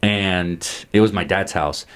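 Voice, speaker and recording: A man's voice: low voice, slow pace, a bit bright, smooth. A young man co-hosting a podcast, telling a story casually with lots of laughter and acted-out quotes. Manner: laughs a lot, acts out quotes in voices. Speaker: podcast co-host.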